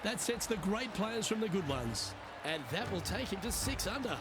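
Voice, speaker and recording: A man giving golf commentary as lead announcer, in understated, measured remarks on play. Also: high-pitched, expressive, over loud music.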